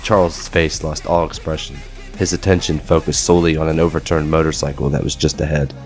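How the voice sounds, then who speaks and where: A man's voice: rumbling low, flat delivery, fairly quick, soft background music. A man narrating a scripted audio drama in a dramatic storytelling style.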